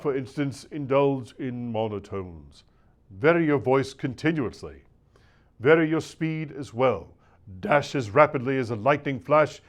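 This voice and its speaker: A medium-pitched man reads aloud a scripted nineteenth-century lecture to preachers. His delivery is measured and oratorical, with shifting emphasis.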